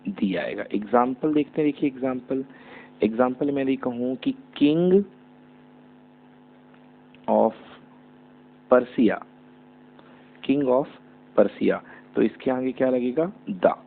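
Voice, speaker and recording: A man's voice: medium pitch, animated, takes it slowly, creaky, long pauses. A male teacher giving a grammar lesson, asking his pupils questions and then answering them himself. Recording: tinny phone-like audio with hum.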